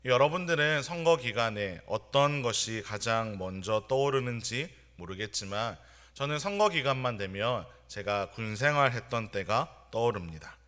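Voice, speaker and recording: A young man, preaching a sermon in an earnest, measured way in a church. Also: mid-range voice, lively intonation, sharp tone. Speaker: pastor. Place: church sanctuary.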